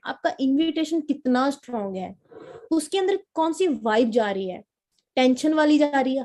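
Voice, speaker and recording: A young woman from Punjab giving a lively, repetitive training talk to a sales team as its trainer. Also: fairly high pitch. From Punjab, India. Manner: coaching, repetitive, lively storytelling. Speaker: network marketing trainer.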